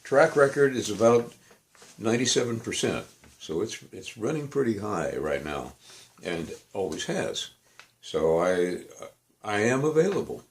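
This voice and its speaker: Over slight background noise, an older video blogger with a lowish voice speaks a little slowly but very animatedly. His complaint monologue is rambling and emphatic, full of digressions and frequent mid-sentence self-corrections.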